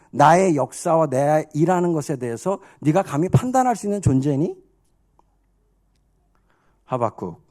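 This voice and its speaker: A man voicing God as a calm, authoritative figure who firmly questions a prophet. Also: a little high. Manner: soothing, firm, fatherly questioning.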